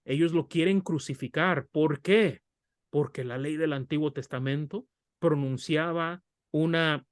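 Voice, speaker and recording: Speaking with a Mexican Spanish accent, this middle-aged preacher from Mexico leads a Bible study in an earnest, conversational way, addressing the audience as brothers. The studio-quality recording carries his fairly high voice with no echo.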